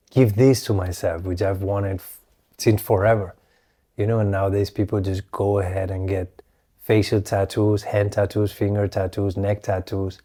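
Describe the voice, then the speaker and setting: A man, hosting a solo podcast, talking reflectively with many restarts, his voice a little hoarse as it recovers. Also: lowish voice, warm tone. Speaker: podcast host.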